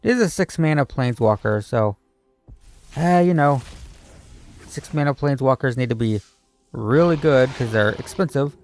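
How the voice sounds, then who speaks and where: A man's voice: medium pitch, lively intonation, moderate pace, long pauses, darkish tone, faint music behind. A man giving casual, off-the-cuff gaming commentary as a video host, musing aloud in a rambling, hesitant way. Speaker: video creator opening card packs.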